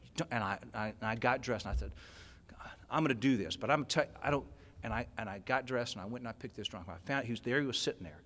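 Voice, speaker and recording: A man at a podium, giving a personal recovery talk to a workshop audience and telling his story with emphatic swings from loud outbursts to quiet intensity. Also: mid-range voice, fast talker. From California. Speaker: 12-step workshop speaker. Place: convention hall.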